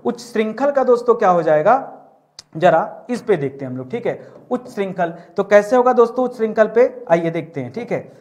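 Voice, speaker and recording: High-voiced man teaching Hindi spelling. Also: animated, a little fast, darkish tone. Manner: asks rhetorical questions, keeps saying "friends" and "okay"; repeats and drags out key words. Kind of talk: exam-prep spelling lesson.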